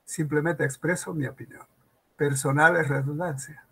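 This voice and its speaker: A man's voice: fairly high pitch, steady tone, normal speed, vocal fry, a bit bright, breathy edge. A man teaching a grammar class, drawing out example words and firing rhetorical questions at his students.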